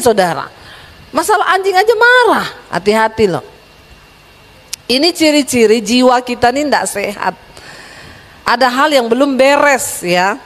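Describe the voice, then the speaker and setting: Lively woman pastor preaching in a hall. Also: on the high side. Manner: lively, humorous preaching with sudden animated rises. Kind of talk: sermon.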